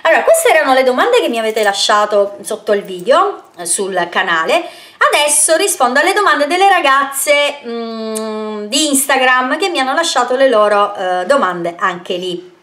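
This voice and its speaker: A woman's voice: on the high side, big pitch swings, moderate pace, fairly bright tone. A woman beauty vlogger answering viewer questions in a casual Q&A video, chatty and rambling, sending kisses and pet names to her followers. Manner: rambling with frequent fillers and self-corrections.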